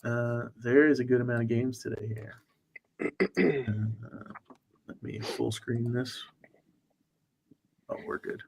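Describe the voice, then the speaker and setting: A man's voice: medium pitch, fairly even intonation, takes it slowly, creaky, long pauses. A man hosting a casual sports betting stream, running through stats with plenty of fillers. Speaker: stream host.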